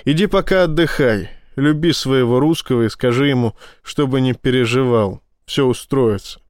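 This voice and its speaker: Audiobook admiral, gruff and curt, read by a man; mid pitch, crisp. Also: moderate pace, a little mellow, no room sound, lightly acted. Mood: commanding. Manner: curt, commanding.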